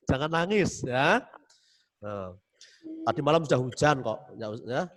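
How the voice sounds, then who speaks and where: A man's voice: fairly high pitch, very animated, slow pace, fairly bright tone. A male religion teacher giving an online class to young pupils over a video call, patient and soothing, dictating and repeating "ya" often. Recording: roomy, long reverb.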